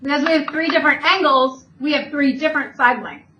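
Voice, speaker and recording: A woman's voice: high voice, a little fast. A woman teaching a math lesson, explaining step by step and answering her own questions. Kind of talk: recorded classroom math lesson. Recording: distant, dull, echoey room with faint noise.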